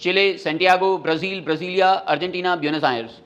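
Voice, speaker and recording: A male teacher with a fairly high voice runs through a list of countries and their capitals in a quick, steady rhythm. He mixes Hindi with English phrases as he explains. It sounds like a classroom lesson. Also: dull audio.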